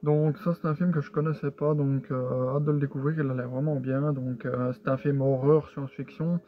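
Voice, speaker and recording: Man with a flat tinny voice. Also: mid-range voice, moderate pace, a little hiss or hum. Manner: hesitant, many fillers and restarts. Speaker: vlogger showing his purchases. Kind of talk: casual haul video. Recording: tinny lo-fi sound with faint music.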